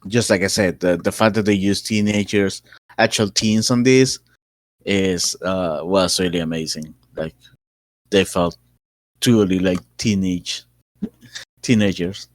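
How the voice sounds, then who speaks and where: Podcast cohost guy, lowish voice, dry close sound, rambles with lots of uhs. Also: a little slow, pauses often, no echo. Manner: rambling, many fillers and restarts. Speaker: podcast co-host. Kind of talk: casual chat.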